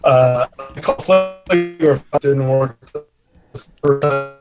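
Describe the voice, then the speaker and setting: A man chiming into a casual podcast over a bad internet connection that makes him sound garbled and robotic, his speech breaking up in halting bits. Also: mid-range voice, music in the background. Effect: garbled robotic-sounding internet call. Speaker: remote co-host.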